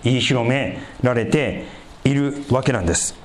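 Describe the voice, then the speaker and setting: A man preaching a sermon, asking the congregation rhetorical questions and swinging between loud emphasis and hushed low passages. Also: a little slow, a little hiss or hum. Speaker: pastor.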